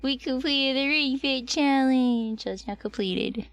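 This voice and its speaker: A woman's voice: high voice, measured pace, dry recording. Woman streamer with a slightly strained voice. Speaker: livestreamer. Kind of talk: casual chat with livestream viewers.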